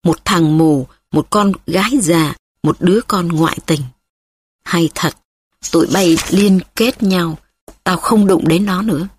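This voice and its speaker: A woman's voice: a little slow, slight background noise, lightly acted. A woman reading an audiobook, voicing a furious, spiteful middle-aged wife who hurls scornful insults. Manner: shrill, scornful, shouting insults.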